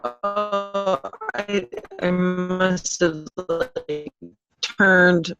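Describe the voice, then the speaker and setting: A woman calling in over a spotty, breaking-up connection, talking in halting starts and restarts. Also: on the low side, fairly even intonation, dull audio, loud music behind the voice. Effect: breaking up, spotty call connection. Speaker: caller on a parent advocacy call. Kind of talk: casual call-in talk.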